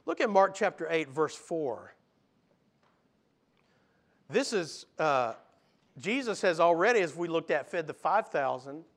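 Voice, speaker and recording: A man's voice: on the high side, sing-song, measured pace, pauses often, a bit bright. A man preaching a sermon as pastor, earnest, with frequent restarts, pushing into strong emphasis. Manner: earnest, rising to exasperated emphasis when voicing Jesus.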